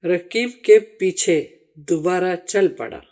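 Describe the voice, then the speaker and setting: A man in a casual chat who translates song lines, giving short answers and repeating lines slowly. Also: high voice, a little mellow. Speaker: guest translator.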